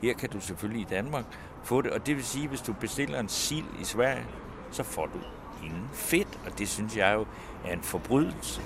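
A man's voice: on the low side, animated. Chatty man in a noisy outdoor restaurant. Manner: chatty, opinionated, uses fillers. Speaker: interview guest. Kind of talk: casual chat.

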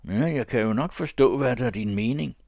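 A man voicing a quiet, stubborn young farmer's son who speaks low and firmly. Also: vocal fry, no echo, studio quality.

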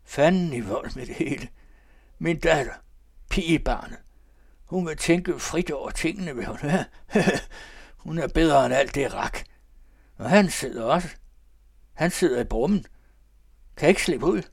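A man's voice: fairly high pitch, expressive, gravelly, pauses often, slightly rough, no echo, studio quality, pitched above the performer's own voice, exaggerated voice. A man voicing a drunken old father who babbles and slurs his words. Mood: rambling. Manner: babbling, slurred.

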